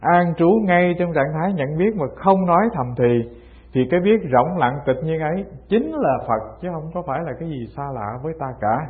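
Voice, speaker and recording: Monk giving a Zen talk. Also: male voice, a little high, lively intonation, normal speed. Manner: storytelling, acting out the old masters' dialogues. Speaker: Buddhist monk teacher. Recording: tinny phone-like sound.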